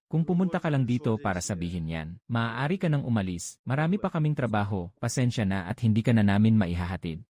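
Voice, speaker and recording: A man's voice: lowish voice, very animated, brisk, mellow, no echo. A man dubbing a firm, composed drama lead. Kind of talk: Tagalog drama dub.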